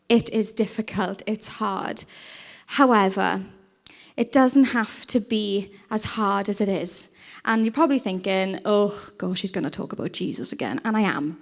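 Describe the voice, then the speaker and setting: Woman preaching, chatty and earnest, kinda high voice, gets really fired up. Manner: earnest, conversational, rising to impassioned emphasis. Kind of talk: informal evangelistic talk.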